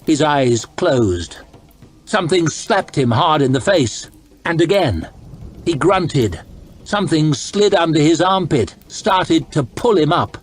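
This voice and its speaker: Calm, husky male storyteller. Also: a little high, takes it slowly. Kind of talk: ASMR storytime narration.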